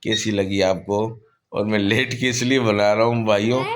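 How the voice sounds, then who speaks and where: A man's voice: on the low side, fairly even intonation, normal speed. A man making a casual home vlog, talking to viewers and scolding his pet bird in a playful voice. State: injured leg. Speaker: vlogger. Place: a room at home. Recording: noisy home recording with bird squawks.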